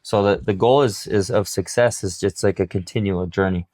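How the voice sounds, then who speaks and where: With a deep, steady and slightly mellow voice at a moderate pace, this middle-aged podcast co-host chats casually, reflecting and motivating through sports examples. The sound is dry and studio-clean.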